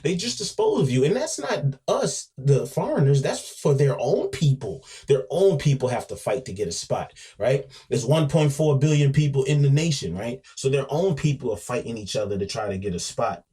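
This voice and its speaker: A man speaking as a podcast host, talking off the cuff at an ordinary pitch for a man. He speaks emphatically, circling back over his words, and his volume keeps rising and falling. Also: animated, moderate pace, few pauses. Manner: emphatic, with frequent restarts and repeats; swings between loud and quiet. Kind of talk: casual monologue.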